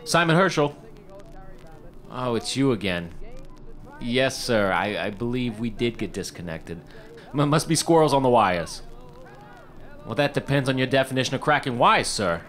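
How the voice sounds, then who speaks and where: In a period radio drama, a male actor with a medium-pitched, slightly bright, natural voice plays an eager, fast-talking screenwriter who is down on his luck at a hotel desk. His intonation is lively as he wisecracks and pleads, stammering when flustered, and his mood is wry and evasive.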